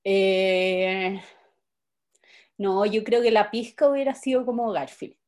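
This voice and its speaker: A woman with a Chilean accent in casual chat, an expressive, self-mocking storyteller who repeats her phrases. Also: mid-range voice, slow pace. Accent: Chilean Spanish.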